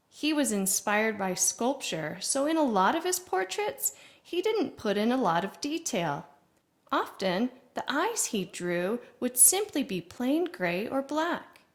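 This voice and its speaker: A woman teaching an art lesson to young children on video, playful and clear with sing-song greetings. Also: a little high.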